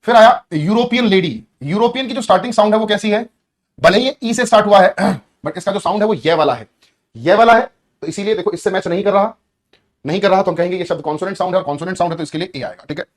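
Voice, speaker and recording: तेज़ बोलने वाला शिक्षक, व्याकरण पाठ. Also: male voice, high-pitched, fast talker. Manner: explains patiently, often asks the class questions. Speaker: English teacher. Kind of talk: classroom grammar lesson.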